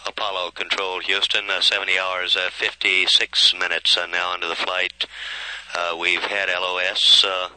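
A man giving live spaceflight commentary as a mission control announcer, halting with very frequent pauses and uhs. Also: low voice, monotone, sharp tone, poor audio.

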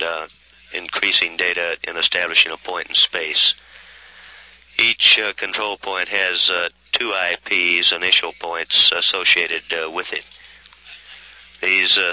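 Low, flat, halting male mission announcer. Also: rough recording. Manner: halting, with very frequent pauses and uhs. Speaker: mission control public affairs announcer. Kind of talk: unscripted live spaceflight commentary.

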